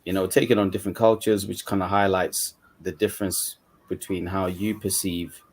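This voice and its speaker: A man's voice: low voice, little pitch movement, normal speed. A man raised in Uganda and the UK, a guest on an online panel, talking casually and often saying "you know". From Uganda, then UK. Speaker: coach and mentor, panel guest. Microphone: video call.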